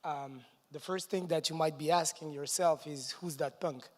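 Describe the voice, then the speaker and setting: A man from Morocco, giving an energetic stage presentation at a conference and chuckling between points. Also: on the high side, moderate pace. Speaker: conference speaker. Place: large conference hall stage. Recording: long reverb of a large hall.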